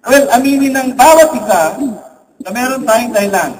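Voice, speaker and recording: Preaching in a large church, a man serving as priest tells funny stories and cracks jokes in a very high voice at a moderate pace. It was captured from within the congregation, giving a distant church sound with a faint hum.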